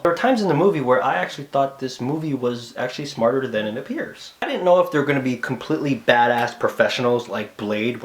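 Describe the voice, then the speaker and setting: A man talks through a movie review in a casual, animated way, at an ordinary middle pitch. He acts out what people said and now and then sinks into a hushed whisper for an aside.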